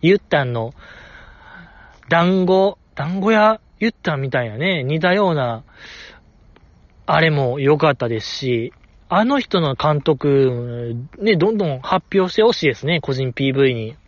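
Animated Kansai man, chatty podcast host. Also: a little high, a little slow, no echo, lo-fi sound. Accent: Kansai Japanese. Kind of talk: casual fan podcast chat.

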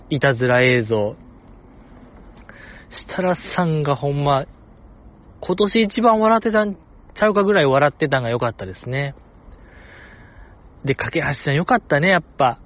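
A man with a Kansai accent talks casually as a radio host, chatty and fond of teasing asides. His voice sits a little high. The sound is muffled and lo-fi. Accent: Kansai Japanese. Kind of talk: casual solo radio talk.

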